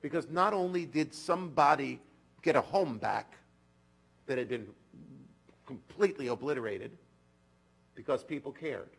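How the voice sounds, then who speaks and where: Husky, gravelly man preaching earnestly. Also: mid-range voice, unhurried, long pauses, low-quality recording. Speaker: clergy. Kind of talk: sermon. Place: synagogue sanctuary.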